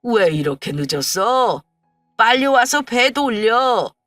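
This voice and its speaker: A woman voicing a gruff old husband's ghost. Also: a little high, big pitch swings, takes it slowly, fairly bright tone, no room sound, studio quality, pitched above the performer's own voice, full character voice. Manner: blustery then tender. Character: gruff, doting elderly husband's spirit. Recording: distant mic, faint music.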